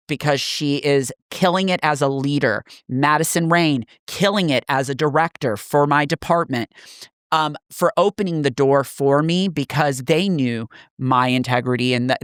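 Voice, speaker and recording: A man's voice: a little high, smooth, dry recording, clean studio sound. A man co-hosting a casual podcast, speaking earnestly and emphatically, often repeating phrases for weight. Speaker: podcast co-host.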